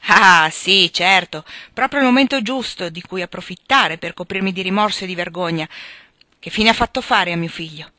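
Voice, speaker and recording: Woman voicing a delirious sick man, agitated, pleading, bright tense voice. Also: fairly low pitch, fairly quick, few pauses, no room sound. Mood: bitter, insistent.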